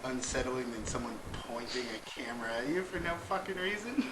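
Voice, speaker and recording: A man's voice: mid-range voice, animated, a little fast. Tipsy young man on old camcorder tape. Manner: joking, crude, rambling. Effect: old camcorder tape sound. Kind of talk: casual chat among friends. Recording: roomy, noisy camcorder audio from a distance.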